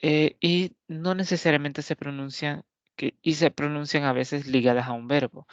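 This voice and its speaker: A man teaching a grammar lesson, explaining slowly and deliberately, pausing often and checking that his listeners follow. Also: fairly high pitch, steady tone, dry recording. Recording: dull, lo-fi dry recording.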